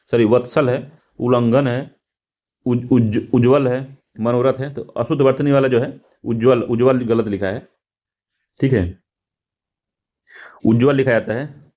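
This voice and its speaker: A man's voice: medium pitch, darkish tone, muffled recording. A male teacher going through exam practice questions, repeating words and correcting himself, with frequent fillers. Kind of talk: explaining test answers.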